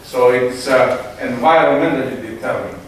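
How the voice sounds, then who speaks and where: A man's voice: medium pitch, normal speed. A man giving joking, digressive opening remarks as conference organizer in a hall. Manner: joking, digressive, non-native English. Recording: echoey hall from far off, noise.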